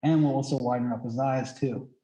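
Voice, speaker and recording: A man's voice: mid-range voice, fairly even intonation, fairly quick, mellow. A man speaking through a face mask, casually thinking aloud as he teaches drawing in a rambling, chatty way. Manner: rambling, chatty, frequent "like" filler. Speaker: drawing instructor. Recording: echoey, roomy sound.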